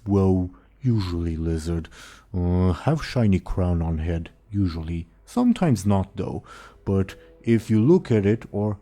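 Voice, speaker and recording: A man voicing a big, dim, childlike ogre for a tabletop game, in dopey, halting broken speech. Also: low-pitched, dark tone, full character voice. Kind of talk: in-character tabletop role-play.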